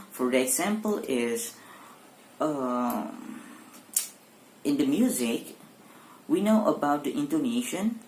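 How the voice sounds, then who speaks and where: A young woman from Indonesia with an Indonesian accent, giving a university exam presentation in a hesitant, halting way with many fillers and restarts. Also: sits low, a little mellow. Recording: echoey room with faint background noise.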